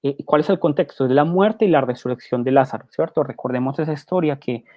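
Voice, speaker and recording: A man preaches a sermon, reading scripture aloud between explanations and often asking rhetorical questions like "¿cierto?". His voice is a little high and fairly quick, and the audio sounds dull.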